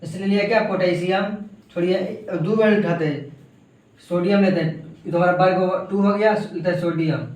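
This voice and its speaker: High-voiced man lecturing in an echoey room. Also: steady tone, normal speed, a little mellow, distant mic. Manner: repeats rhetorical questions and answers them himself. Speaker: chemistry teacher. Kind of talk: classroom lecture.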